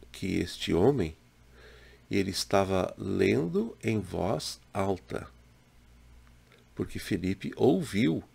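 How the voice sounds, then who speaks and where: A man in his sixties from Brazil, a pastor giving a slow, measured daily devotional to a webcam in a small home room. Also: lowish voice, vocal fry, breathy edge. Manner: slow, measured, gentle preaching with pauses. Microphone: webcam in front, head and shoulders.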